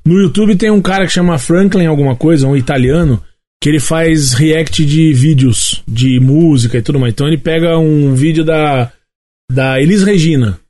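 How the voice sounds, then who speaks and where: A man's voice: fairly high pitch, moderate pace, dark tone. A man with a São Paulo Brazilian accent, a radio announcer and comedian joking and teasing as a guest in a casual podcast chat. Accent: São Paulo Brazilian Portuguese.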